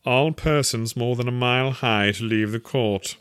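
A man voicing a pompous, blustering storybook king who speaks slowly and gravely, humming and clearing his throat. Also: medium pitch, fairly bright tone, voice pushed up, natural voice.

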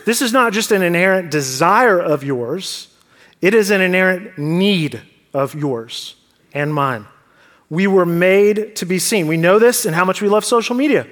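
A male pastor with a high, light voice delivers a sermon in an earnest, conversational way. He keeps putting questions to the congregation. His words carry a long reverb from the church sanctuary. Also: expressive, measured pace, fairly bright tone.

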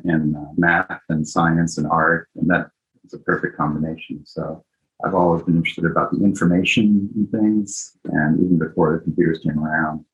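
A man who is a guest on a podcast, answering in a thoughtful, unhurried way with frequent ums. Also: deep voice, dull audio. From born in Greece, raised in Japan and Italy. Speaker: architect and company founder, guest. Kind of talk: casual interview.

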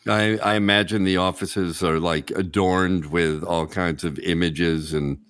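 A low-voiced man hosts a casual podcast chat, enthusiastic and joking as he talks. He is recorded close on a dry mic. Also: fairly even intonation, unhurried, fairly bright tone, smooth, dry recording. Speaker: podcast host.

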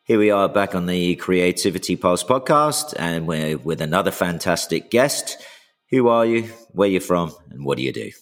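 A man hosting a podcast. He reads a scripted intro, then interviews his guest casually, with plain and measured delivery. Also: deep voice, animated, faint music behind. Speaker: podcast host.

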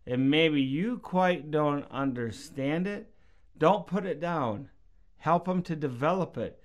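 A man's voice: on the high side, lively intonation, slow. A middle-aged man, a preacher, talking casually about faith and telling stories, acting out quotes in a raised voice. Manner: storytelling, acts out quotes in raised voice. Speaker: preacher and podcast guest.

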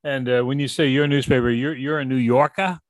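A man from Boston hosting an interview, asking long, halting questions full of restarts. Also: medium pitch, fairly even intonation, no room sound. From Boston, USA. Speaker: radio host.

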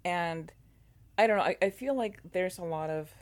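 A woman in casual podcast chat, animated and full of fillers and restarts. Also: fairly low pitch, moderate pace. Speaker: podcast co-host. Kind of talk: casual chat about a TV show.

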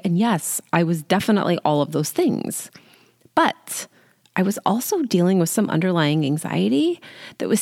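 A woman in her late forties talks with chatty, self-deprecating informality on her solo podcast, where she is the host and a life coach. Her voice is low and creaky, captured on a handheld microphone with no pop filter as she sits on the floor of a small closet at home. There is no room sound, just clean studio-like audio.

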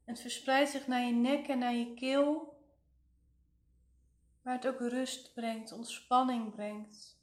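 A woman leading a guided relaxation meditation in a soothing, gentle way, leaving long pauses. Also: fairly high pitch, little pitch movement. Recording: roomy, echoing voice recording.

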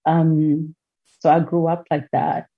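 Low and husky with a flat delivery, this woman's voice belongs to a podcast guest from Rwanda in her forties. She gives personal testimony in an earnest, measured way with pauses, and the recording is muffled and lo-fi.

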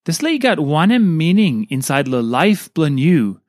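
A man with a Papua New Guinean accent reads a scripted devotional in Pidgin, in short measured phrases. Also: a little high, sing-song, a little mellow, no room sound, studio quality. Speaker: devotional reader.

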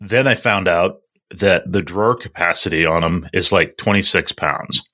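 A man with a low but bright, forceful voice talks casually like a tradesman on a podcast. He rambles through his stories haltingly, with plenty of filler words. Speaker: plumber and podcast host. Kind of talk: casual chat.

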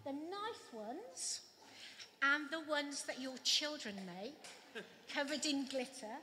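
A Welsh woman pastor giving a gentle, reflective sermon at a candlelit carol service. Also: high voice, lively intonation, slight background noise. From Wales. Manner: gentle, reflective, slow with pauses. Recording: long church reverb, faint ambience.

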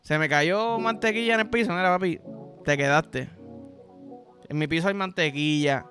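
Crude, bright-voiced Puerto Rican man. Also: a little high, moderate pace, faint music behind. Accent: Puerto Rican Spanish. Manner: vulgar, rambling, animated storytelling with sound effects. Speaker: podcast host. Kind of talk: crude comedic monologue.

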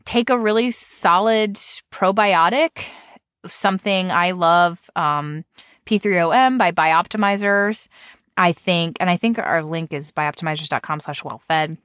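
A woman's voice: on the low side, unhurried, a bit bright, no echo, studio quality. A woman co-hosting a podcast, giving casual advice in a reassuring, emphatic way and repeating key phrases. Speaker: podcast co-host reading listener questions and giving advice.

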